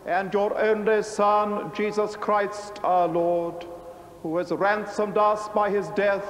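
A clergyman slowly intoning sung liturgy in a large stone church, his voice carried by a cathedral echo. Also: sits high. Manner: slow, solemn, sung intoning. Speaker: clergy leading the Easter vigil. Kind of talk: chanted liturgy. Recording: long echoey church reverb.

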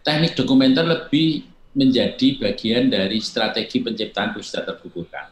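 An older man talks through his filmmaking methods in a measured, explanatory way, his voice sitting in the middle of the range. He slips into quoted lines now and then, and the recording carries a roomy echo. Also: medium pitch. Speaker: film director, guest. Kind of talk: reflective interview answers.

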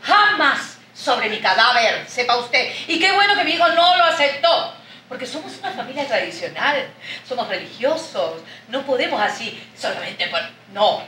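A woman's voice: on the high side, sing-song, normal speed, bright, forceful tone, a little hiss or hum. A woman playing a snobbish, melodramatic mother-in-law. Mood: haughty. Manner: haughty, melodramatic, condescending. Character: snobbish, dramatic mother of the groom. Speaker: stage actor. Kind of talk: live stage comedy sketch. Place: theatre stage. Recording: echoey stage, picked up from far off.

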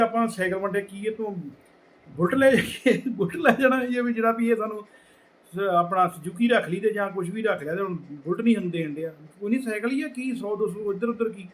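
A middle-aged man with a Majhi Punjabi accent telling a village anecdote casually, acting out the people in it and dropping to hushed tones. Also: high-pitched, slight background noise, rough recording. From Punjab border region. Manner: lively, acts out quoted people, drops to hushed tones. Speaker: storyteller.

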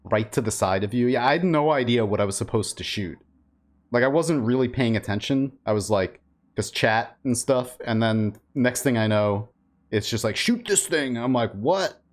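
A game streamer talks at a medium pitch and moderate pace, rambling informally and reacting out loud during casual live gameplay commentary. Game ambience plays in the background.

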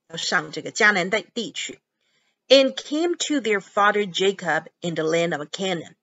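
A woman teaching English through a Bible chapter, reading verses and explaining words, repeating them slowly. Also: on the low side, fairly bright tone. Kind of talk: bilingual Bible lesson. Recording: dull lo-fi audio.

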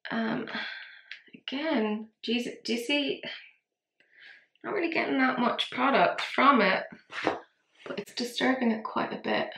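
A woman's voice: on the high side, measured pace, gravelly, pauses often, a bit bright, echoey room, low-quality recording. A woman with an Irish accent doing a casual makeup review, chatty and filler-heavy, who talks herself through setbacks. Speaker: beauty vlogger.

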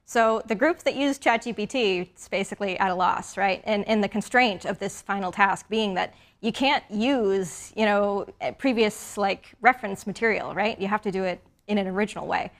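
A woman's voice: mid-range voice, normal speed, hardly any pauses. Conversational woman on a studio panel. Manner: conversational, checks in with "right?".

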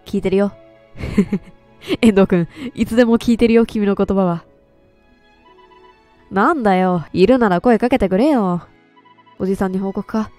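A woman streamer doing loud, excitable let's play commentary into a close mic. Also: mid-range voice, unhurried, long pauses, no room sound, soft background music. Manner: excitable, loud, laughs often. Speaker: game streamer.

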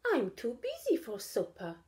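A woman's voice: on the high side, huge pitch swings, moderate pace, a little mellow, pitched above the performer's own voice. A woman voicing a playful little boy who is always too busy pretending, in an emphatic sing-song way. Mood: cheeky.

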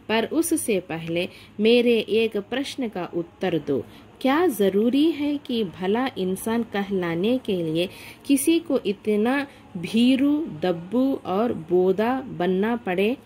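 A stern male employer who scolds and lectures his governess in a sharp, measured voice, as a woman teacher reads his lines. The pace is very slow and deliberate. The pitch sits at a middling level. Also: a little hiss or hum.

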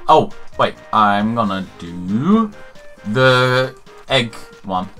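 Hesitant gamer, lively pitch, blunt and muttering. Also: male voice, very slow, faint music behind. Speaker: player on a co-op playthrough. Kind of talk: casual gameplay chat.

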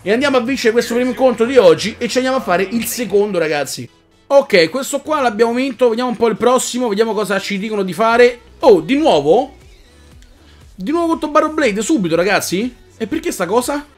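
Male gaming YouTuber, higher than usual pitch, loud animated let's-play commentary. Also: fairly quick, soft background music. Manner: animated, shouts move names, swears freely.

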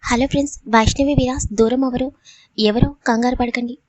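A woman narrating a serial drama audiobook in a steady storytelling manner. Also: on the high side, a little fast, no echo.

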